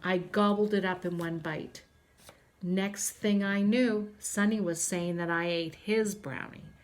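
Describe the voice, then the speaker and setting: A woman with a mid-range voice reads a children's storybook aloud like a teacher, expressive and deliberate in her storytelling.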